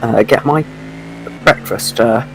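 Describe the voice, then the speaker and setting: A man's voice: medium pitch, slow pace, slight background noise, low-quality recording. A man chatting casually as a co-commentator on a motor racing stream. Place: at home.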